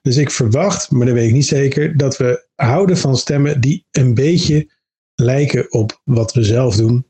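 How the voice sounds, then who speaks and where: A man's voice: mid-range voice, a little slow, dark tone, husky. A man speaking as an interviewed voice coach, explaining his views in an unscripted way.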